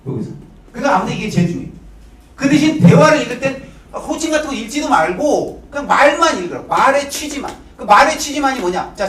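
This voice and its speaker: A man with a very high-pitched voice lectures his students bluntly and informally, briskly peppering them with rhetorical questions. The room is echoey, the mic sits far away, and there's slight background noise.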